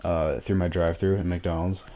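A man chatting crudely in a deadpan way with friends while gaming. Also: low-pitched, normal speed, slight background noise. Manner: crude, deadpan shock humor. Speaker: gamer. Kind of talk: casual chat over voice chat while gaming.

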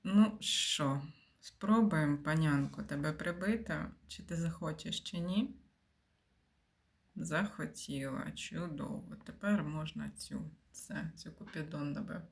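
A woman's voice: low-pitched, unhurried, creaky. A woman giving casual commentary while playing a puzzle game, thinking aloud and often dropping to a mutter or whisper. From Ukraine. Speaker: game streamer.

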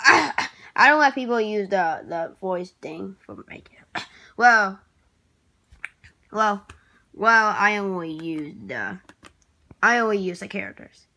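A woman vlogging casually in a hesitant, rambling way, restarting her words, clearing her throat and apologizing often. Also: medium pitch, bright, forceful tone. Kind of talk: casual vlog talk while working at a computer.

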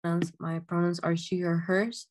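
A young woman from Honduras, a youth climate activist, earnestly tells her story in a casual spoken account over a laptop webcam video call from her bedroom, using many "um"s and "like"s. Her voice is on the low side and darkish, with a level tone and normal speed. Slight background noise is present.

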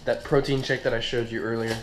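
Young man, mid-pitched voice, casual fitness vlog chat, informal slang, roomy echo. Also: little pitch movement, fast talker. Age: young adult. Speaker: fitness vlogger. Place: home kitchens and a gym, indoors. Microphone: action camera at a short distance. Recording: roomy echo, clear background noise.

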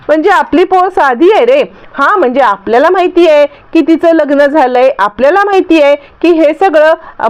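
A woman's voice: high-pitched, natural voice. A woman reading the lines of a scheming, bossy middle-aged aunt who scolds sharply. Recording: dull lo-fi recording.

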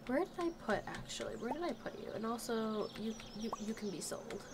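A gaming channel host, a woman with a slightly nasal voice who's still getting over a cold, chats casually in a let's play as she plays and talks to the game characters. Her pitch sits on the high side with a sing-song lilt and a fairly quick pace. Game music plays over a noisy background.

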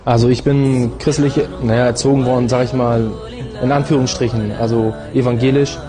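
A man in his thirties giving an earnest personal testimony, pausing with fillers, speaking into a handheld mic indoors. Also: medium pitch, level tone, music in the background. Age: 30s. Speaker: interviewee.

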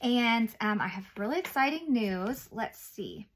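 Woman in her 30s, kinda high voice, doing a kids bible lesson, simple n encouraging like reading to a toddler. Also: expressive, measured pace, slight background noise. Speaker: host of children's Bible readings. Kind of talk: Bible lesson read and explained to young children. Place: small indoor room, seated at a table.

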